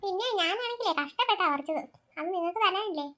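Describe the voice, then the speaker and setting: A woman's voice: extremely high pitch, lively intonation, fast talker, bright, forceful tone, full character voice. A woman voicing a selfish young girl in a family cartoon, who teases smugly. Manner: smug, teasing.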